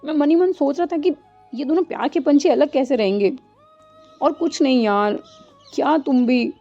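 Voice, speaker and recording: A woman's voice: sits high, normal speed, dark tone, lo-fi sound, faint music behind. A woman doing a teasing young man. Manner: teasing, laughing. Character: gently teasing young man, Liya's friend.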